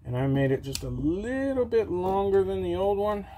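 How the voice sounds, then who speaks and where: Working at his home bench, open to the outdoors, a middle-aged small-engine repair host talks through a repair in casual how-to fashion. His voice is high but mellow and relaxed, at normal speed, and he explains every step plainly with an occasional "okay". He's recorded up close by the camera above the bench, with a little hiss or hum.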